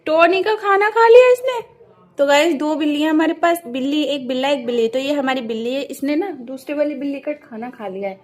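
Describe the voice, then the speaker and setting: A woman's voice: sits high, fast talker, few pauses, darkish tone. A young woman in a casual home vlog, chatting to viewers as "guys" and cooing at her cats while filming on a phone. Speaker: vlogger. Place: home and street outside after rain.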